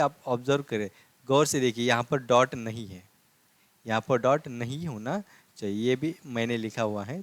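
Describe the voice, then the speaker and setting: A man's voice: mid-range voice, dry recording. A man teaching a language lesson, patiently repeating points and answering his own questions. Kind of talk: classroom lesson explaining script.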